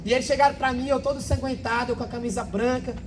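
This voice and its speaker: A man's voice: very high voice, fairly even intonation, rapid-fire, a little hiss or hum, low-quality recording. A man preaching an emotional testimony at a church service, with a fervent, repetitive way of telling it.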